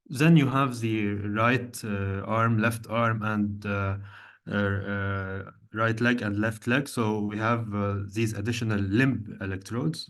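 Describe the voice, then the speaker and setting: A man from Lebanon, a cardiologist, giving a methodical online medical lecture over slides, with frequent hesitant fillers. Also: lowish voice.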